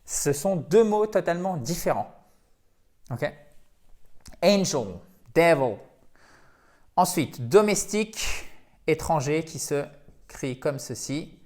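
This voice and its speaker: A man whose first language is French, teaching English pronunciation in a lively, coaxing way, repeating words slowly as models. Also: a little high. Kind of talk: pronunciation lesson.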